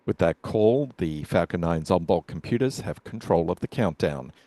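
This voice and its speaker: Deep-voiced man commentating live, dry sound. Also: expressive, moderate pace, mellow, no echo. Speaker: launch webcast commentator. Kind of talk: live explanatory launch commentary.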